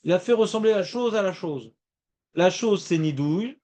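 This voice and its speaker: A man teaching a Talmud class, explaining in a lively way and quizzing his students. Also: high voice, normal speed. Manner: lively, asks students questions, playful rhymes.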